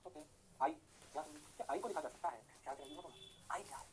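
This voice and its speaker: A man teaching physics in a classroom lecture, constantly checking whether his students follow and slowing down to dictate definitions in English. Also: fairly high pitch, animated, breathy edge. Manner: rhyming rapid-fire praise words.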